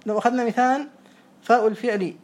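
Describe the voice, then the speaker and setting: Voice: mid-range voice, fairly even intonation, quick pace, a little mellow. A teacher giving a classroom lesson, explaining step by step, repeating each example and putting questions to a student.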